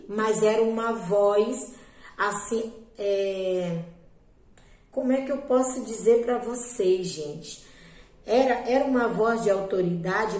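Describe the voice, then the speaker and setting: A woman's voice: a little high, a little mellow, reverberant, low-quality recording. A Brazilian woman earnestly telling a religious testimony to a group, repeating herself and often checking in with her listeners. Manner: earnest, repetitive, often asks "né?". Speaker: believer giving a testimony.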